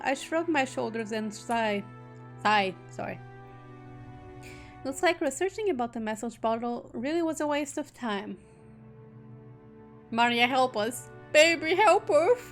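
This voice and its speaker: Woman streamer reading a game aloud. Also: on the high side. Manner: reads narration steadily, breaks off into joking asides. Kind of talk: reading aloud with casual asides.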